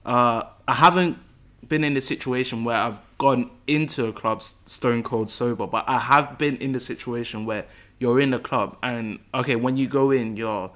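A young man talks easily as a podcast guest and answers the host in a relaxed, agreeable tone. His speech is casual and conversational. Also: medium pitch, moderate pace. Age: young adult. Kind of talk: casual chat.

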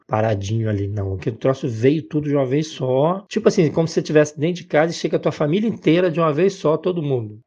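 A man from the Rio gives an informal spiritual class, his voice gravelly and mellow. He talks in a conversational way, leaning on tag questions and heartfelt personal stories. The recording sounds dull and lo-fi. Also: a little high. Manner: conversational, many tag questions, emotional storytelling. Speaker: reverend teaching a spiritual class. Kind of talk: informal spiritual teaching talk.

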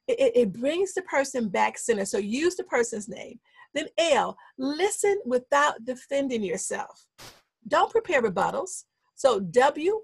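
Husky, gravelly woman teaching step by step. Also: on the high side, no room sound. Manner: emphatic, repeats key points, steady coaching tone. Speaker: speaker teaching anger management. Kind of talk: instructional talk with numbered steps.

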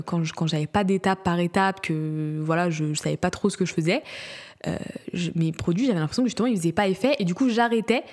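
A young woman talking through her skincare routine in a casual vlog, chatty and giggly, with many fillers and restarts. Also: mid-range voice. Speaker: beauty vlogger.

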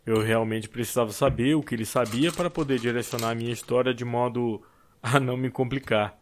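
A man reading a story aloud as an audiobook narrator, in a steady storytelling manner. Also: medium pitch, fairly quick, slight background noise. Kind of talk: scripted narration.

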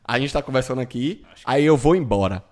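Casting: man, Bahian accent, medium pitch, slangy and opinionated co-host of an informal chat. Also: animated, a little fast, darkish tone. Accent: Bahian Brazilian. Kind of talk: casual group chat.

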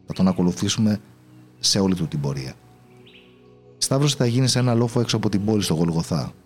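A man voicing a gentle elderly monk in a storybook, speaking softly as if through tears. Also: lowish voice, expressive, soft background music, lightly acted. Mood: sorrowful. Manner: soft, tearful.

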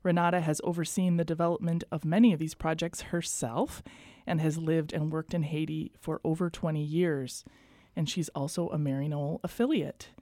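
A woman hosts a radio program with a somewhat low, mellow voice. She introduces her guest gently and graciously before easing into the interview. The studio sound is close and dry. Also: level tone, moderate pace, dry recording. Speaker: radio host.

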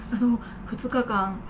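A woman's voice: on the high side, a little hiss or hum. A woman with a Kansai accent, one half of a comedy duo, hosting a casual radio show and reading listener letters aloud with chatty, giggly asides.

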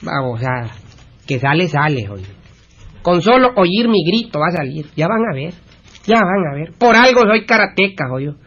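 An actor playing a boastful, bullying self-proclaimed karate champion in a comic radio drama, swaggering and threatening. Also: male voice, a little high, very animated, normal speed, fairly bright tone, breathy edge, exaggerated voice. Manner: swaggering, threatening, repeats a crude exclamation. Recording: dull lo-fi radio recording.

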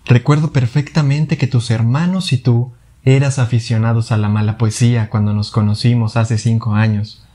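A man voicing a calm, menacing male psychoanalyst who taunts his enemy with measured sarcasm. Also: medium pitch, natural voice. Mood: taunting.

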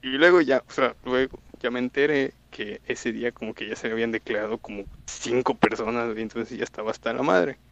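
A man's voice: mid-range voice, a little fast, vocal fry, hardly any pauses, lo-fi sound. A young man with a Mexican Spanish accent, telling a story in slangy casual chat on a call and acting out his own reactions.

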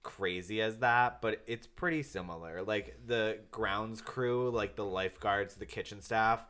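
A man's voice: lowish voice, a little slow, fairly bright tone, smooth. A young man in his twenties chatting casually, rambling with easy fillers. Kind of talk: casual chat.

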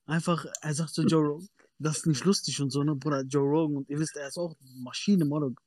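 A man's voice: on the high side, steady tone, quick pace, a little mellow, no room sound. A young man, chatting casually and insistently in slang, often repeating himself for emphasis. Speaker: podcast panelist. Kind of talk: casual chat, slangy sports debate.

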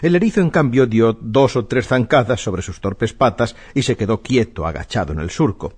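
A man narrating a children's radio story in a measured, expressive way. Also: medium pitch, breathy edge.

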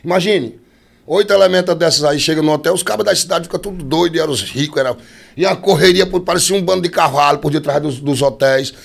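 Homem nordestino contando causos, voz rouca. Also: male voice, fairly high pitch, fast, creaky. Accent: Northeastern Brazilian. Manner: animated, acts out quoted voices. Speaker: forró singer, podcast guest. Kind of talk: casual storytelling.

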